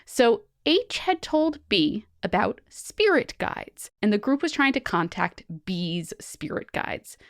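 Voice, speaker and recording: Animated woman podcast host, dry sound. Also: mid-range voice, takes it slowly, hardly any pauses, no echo. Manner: animated, swears and laughs. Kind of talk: casual podcast chat, reading listener stories.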